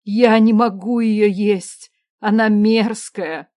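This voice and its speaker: A woman's voice: mid-range voice, fairly even intonation, a little mellow, no room sound, studio quality, lightly acted. Woman playing a stammering starving peasant woman. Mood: sobbing. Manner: stammering, sobbing, slow and pleading. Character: starving middle-aged peasant woman, frightened and desperate. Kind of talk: audiobook character voice.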